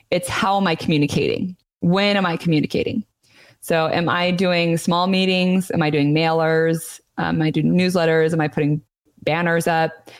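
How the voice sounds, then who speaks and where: Low-voiced, chatty woman guest. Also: no echo. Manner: chatty, talkative. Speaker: podcast guest, nonprofit consultant. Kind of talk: conversational advice.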